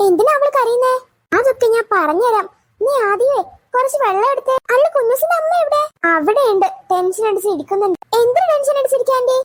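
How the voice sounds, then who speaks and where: A woman voicing the family in a cartoon with quick, teasing, bantering talk. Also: very high voice. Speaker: cartoon creator voicing all characters. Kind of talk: cartoon voice acting, bickering household chat.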